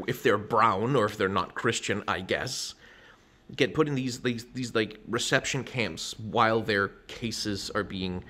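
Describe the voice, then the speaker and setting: A man's voice: lowish voice, fairly bright tone. Impassioned, sweary man on a rant. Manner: heated, sweary, halting with repeated words. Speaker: vlogger. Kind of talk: casual, impassioned rant to camera.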